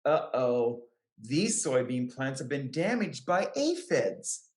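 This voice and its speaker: A woman who is an extension educator reads a picture book aloud to young children, slowly, in a low, darkish, very animated voice. Her phrasing is careful and deliberate, with short explanatory asides to the kids, and the recording has a roomy echo.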